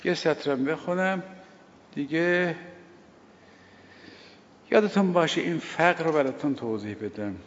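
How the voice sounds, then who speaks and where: An older man giving a sermon on a prayer, telling stories emphatically, repeating key phrases and swinging between loud and hushed delivery. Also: a little high, pauses often, a little hiss or hum. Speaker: religious teacher. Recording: dull lo-fi recording with long hall reverb.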